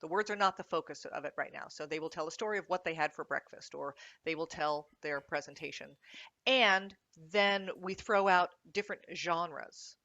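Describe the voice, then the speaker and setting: Energetic woman speaking coach talking on a podcast panel, her voice bright and forceful and leaning low in pitch. She has a dry, close sound with little room to it, and she pushes hard on her points. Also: fast talker, gravelly, hardly any pauses, no room sound, lo-fi sound. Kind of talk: animated panel discussion.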